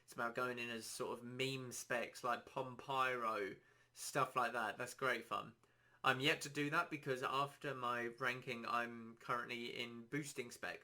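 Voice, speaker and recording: A man hosting a casual solo podcast, rambling and self-deprecating, his throat a little dry and hoarse. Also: mid-range voice, fairly even intonation, a little slow, bright, forceful tone. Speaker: podcast host.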